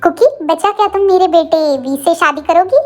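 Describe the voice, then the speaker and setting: A woman's voice: extremely high pitch, a little fast, soft background music. A woman playing a kindly older matchmaking aunt. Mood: gentle.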